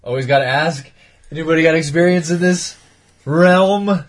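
A man's voice: a little high, normal speed. A man hosting a casual comedy podcast, rambling and laughing as he talks. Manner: rambling, laughs often, acts out voices in stories. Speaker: podcast host.

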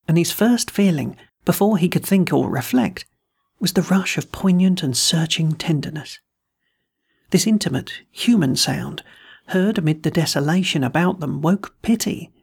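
A gravelly, husky voice reads a classic ghost story aloud. The delivery is measured and deliberate, as a host narrating a tale. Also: medium pitch, expressive, darkish tone. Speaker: host and reader of a horror story.

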